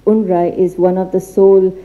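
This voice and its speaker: A woman giving an earnest seminar talk in an institute library, halting often with fillers and restarts. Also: on the low side, flat delivery, warm tone, low-quality recording. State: becoming emotional. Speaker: seminar speaker. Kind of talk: formal seminar talk with slides.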